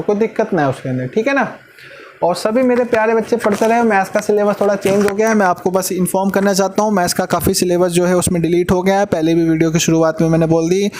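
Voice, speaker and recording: High-voiced male maths teacher. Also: a little hiss or hum. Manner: talks like a big brother, repeats words for emphasis. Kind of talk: casual classroom lesson and advice to students.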